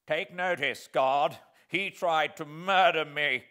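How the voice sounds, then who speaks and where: Man doing a beaten convict, frightened, breathless, pleading, high strained voice. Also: slow, sharp tone. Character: battered, frightened male convict, gasping and pleading.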